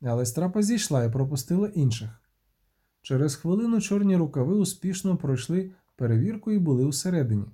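A man narrating a novel in a measured, tense storytelling manner. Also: fairly high pitch, animated, mellow, breathy edge. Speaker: audiobook narrator. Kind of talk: scripted audiobook narration.

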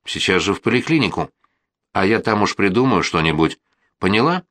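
A man voicing a resolute schoolboy who plots a rescue, speaking in brisk, clipped phrases and sounding sure of himself. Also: sits low, big pitch swings, fairly bright tone, no room sound, studio quality. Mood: commanding. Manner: brisk, commanding, short phrases.

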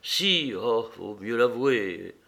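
Brief: male narrator doing a self-doubting young fiancé, halting, slow, strained storybook reading. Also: mid-range voice, expressive, vocal fry, pushed and bright, heavily acted. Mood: desperate. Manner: desperate, halting, with hesitations. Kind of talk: audiobook character voice.

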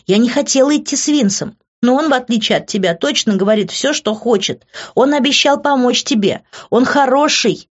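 A woman's voice: fairly high pitch, fairly quick, few pauses, muffled recording, pitched above the performer's own voice, lightly acted. A woman reading an audiobook, voicing a heated, passionate young woman arguing with her lover in a raised, emotional voice.

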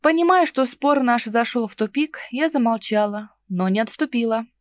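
A woman reading a fantasy novel aloud in first person, lively and expressive. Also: fairly high pitch, normal speed, no echo, studio quality. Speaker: audiobook reader. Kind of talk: audiobook narration.

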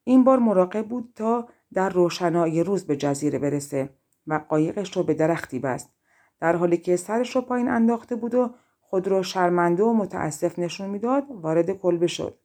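A woman narrates a fairy-tale audiobook with calm, even storytelling. Her voice sits low and sounds warm and mellow.

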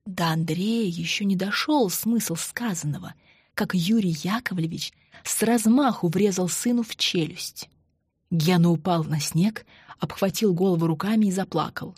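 Husky woman narrating an audiobook. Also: fairly low pitch, normal speed, a little mellow, no echo, studio quality. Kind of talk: scripted narration.

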